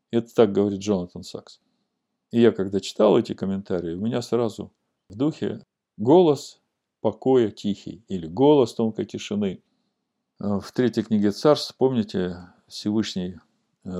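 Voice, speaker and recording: A man delivers a sermon-style scripture lesson, reading aloud and explaining in a measured, teacherly way that leans on key words. His voice sits on the low side, warm in tone, with some vocal fry.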